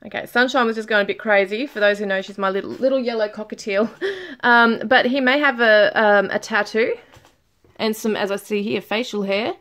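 A middle-aged woman talks through a tarot spread in a casual home video. She thinks out loud, stopping and restarting as she searches for words. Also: mid-range voice, fairly even intonation, fairly quick. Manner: musing, thinking aloud with fillers and restarts. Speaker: tarot reader. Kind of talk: casual tarot reading to camera.

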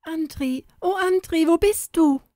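A woman voicing a frightened young farmer's daughter, speaking high, tearful and breathless. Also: measured pace, dark tone, no echo, clean studio sound. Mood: pleading.

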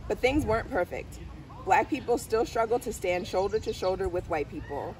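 Her voice medium in pitch and darkish in tone, a middle-aged woman reads a picture book with lively intonation at a moderate pace. She is a school diversity director, sitting on a garden bench under trees and telling the story. A camera a few steps away records her, along with noise from outside.

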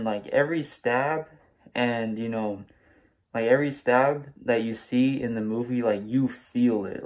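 A man's voice: medium pitch, darkish tone, poor audio. Young American man talking through a face mask. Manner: enthusiastic, slangy. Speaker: movie reviewer. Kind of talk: casual spoiler-free video review. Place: small room at home, indoors.

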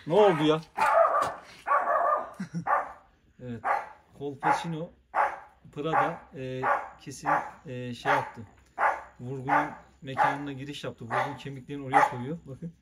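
A man's voice: medium pitch, little pitch movement, moderate pace, heavy background noise. A man casually vlogging outdoors, chatting to viewers as he shows his yard and dogs. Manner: chatty, addresses viewers as friends. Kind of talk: casual outdoor vlog narration.

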